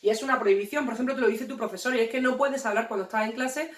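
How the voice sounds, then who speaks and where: A woman's voice: a little high, racing, distant mic. A woman teacher, explaining English grammar to students in a playful, joking way. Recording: echoey room, voice away from the mic.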